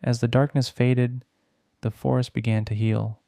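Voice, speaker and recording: A man narrating a bedtime fantasy story in a measured way with dramatic pauses. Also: mid-range voice, level tone, gravelly, mellow, no echo, clean studio sound.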